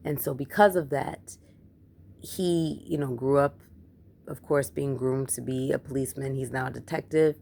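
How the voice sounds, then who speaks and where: A woman giving a chatty, emphatic review of a movie in a casual vlog, growing animated as she rants. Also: very deep voice, normal speed, gravelly, a little hiss or hum. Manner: chatty, emphatic, gets animated when ranting. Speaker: film reviewer.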